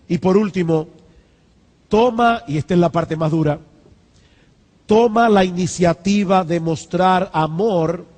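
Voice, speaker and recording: A male pastor delivers a sermon with a high, bright voice, repeating his points for emphasis and pressing them home with rising fervor. His words ring out with a long reverb from the church hall around him. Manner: emphatic preaching with repeated lines and rising exhortations.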